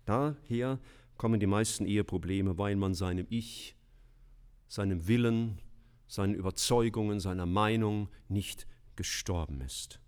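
A middle-aged man preaching a sermon in a lively, emphatic way, with humorous asides. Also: lowish voice, a little slow, clear, resonant tone.

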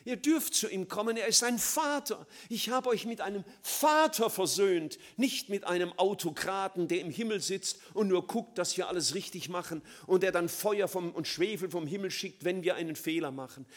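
Male preacher, slightly high-pitched, dramatic sermon delivery with big swings in volume. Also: moderate pace, hardly any pauses. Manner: dramatic swings between loud emphasis and soft low passages.

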